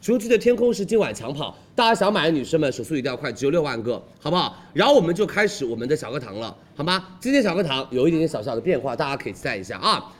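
A man hosting a live shopping stream with a hard-sell pitch, urging viewers on and checking in with tag questions. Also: big pitch swings, rapid-fire, few pauses. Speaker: livestream shopping host.

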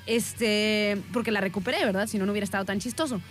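Lively Mexican woman radio host. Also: medium pitch, quick pace, faint music behind. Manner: lively storyteller, mimics voices, laughs a lot. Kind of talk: casual radio chat.

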